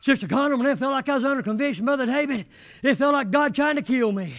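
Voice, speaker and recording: A man preaching a sermon in church, folksy and rising to shouted fervor. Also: extremely high pitch, expressive, fast talker. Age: 80s.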